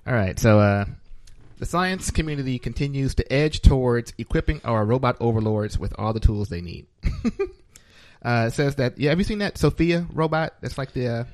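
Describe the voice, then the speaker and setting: A man's voice: mid-range voice, lively intonation, moderate pace, darkish tone, no room sound. A man hosting a podcast in a small studio, chatting casually, joking and laughing often. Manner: jokey, laughs often, loose filler-heavy talk. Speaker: podcast host.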